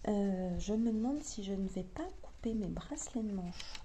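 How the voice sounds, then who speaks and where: A woman's voice: mid-range voice, lively intonation, normal speed, dark tone, a little hiss or hum. A woman with a French accent chatting casually to camera about her sewing, thinking aloud with many hesitations. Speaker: sewing vlogger.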